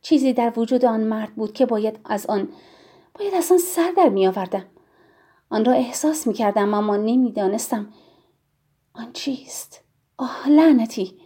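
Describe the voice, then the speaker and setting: Mellow-voiced woman narrating an audiobook. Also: a little high. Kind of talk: scripted first-person narration.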